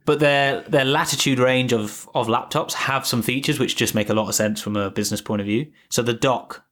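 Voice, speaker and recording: A man's voice: mid-range voice, steady tone, brisk, a bit bright. A man co-hosting a podcast, talking casually and rambling with many restarts and fillers. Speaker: podcast co-host. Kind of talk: casual tech chat.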